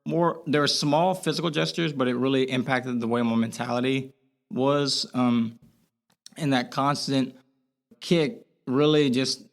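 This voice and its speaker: A young man with a Boston accent, a guest on a casual podcast. He speaks candidly in a mid-pitched voice, stopping and restarting his sentences as he thinks. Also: fairly even intonation, creaky. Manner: candid, halting, many restarts.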